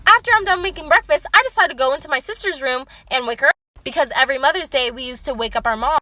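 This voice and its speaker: A young woman telling a casual story-time monologue, lively and emphatic and swearing freely. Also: high voice, fast.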